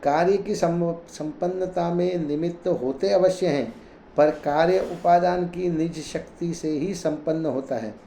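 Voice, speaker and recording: A man reads scripture aloud, chanting the verses slowly before explaining them in plain, conversational Hindi. His voice sits fairly high yet sounds mellow and relaxed. The room is echoey, with a faint hum behind him. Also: gravelly. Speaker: Jain scripture reader and teacher.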